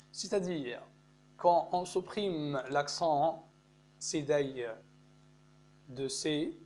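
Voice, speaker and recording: A man whose first language is Arabic, teaching French pronunciation in a slow, explanatory lesson, repeating words and checking in often. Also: fairly high pitch, darkish tone. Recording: faint mains hum.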